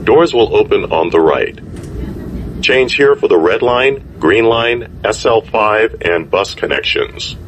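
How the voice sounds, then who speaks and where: A man giving recorded train and station announcements in a measured, formal way. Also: lively intonation. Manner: measured, formal, evenly spaced phrases. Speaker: transit announcer. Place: on subway trains and platforms. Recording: announcements captured over rumbling train noise.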